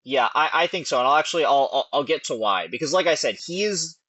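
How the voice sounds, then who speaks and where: A man's voice: on the high side, animated, quick pace, pushed and bright, slightly rough, no room sound, low-quality recording. A man co-hosting a film podcast, chatting casually and animatedly with lots of fillers and restarts. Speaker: podcast host. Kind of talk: casual film analysis chat.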